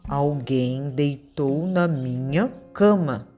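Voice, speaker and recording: A big gruff papa bear from a children's storybook, dragging each word slowly, as a woman narrator puts him on. Faint music plays behind him. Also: low-pitched, warm tone.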